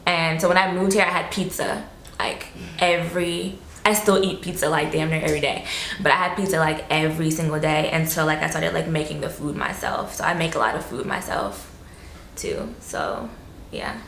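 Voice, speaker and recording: A woman's voice: sits low, moderate pace, vocal fry, fairly bright tone, echoey room, a little hiss or hum. A woman from South Florida, chatting loosely as an interview guest, full of fillers and casual swearing.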